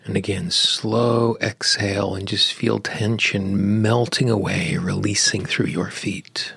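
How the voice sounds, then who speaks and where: Guiding a relaxation, a man speaks in a husky, gravelly, slightly low voice with fairly even intonation, stretching every phrase slowly and softly with long, soothing pauses. At times he nearly whispers, and the recording is dry and close-miked.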